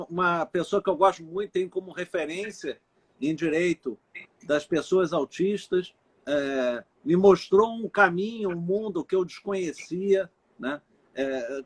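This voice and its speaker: Husky guy with a high voice, earnest casual chat on a live stream. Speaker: live stream host, lawyer.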